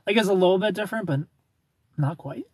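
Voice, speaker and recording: High-pitched and slightly rough, this man's voice moves at a quick pace with no room sound. He's in his thirties, sitting in a car parked at night beneath neon lights and holding his phone close. It's casual live-stream chat as he playfully reads viewer comments and laughs often.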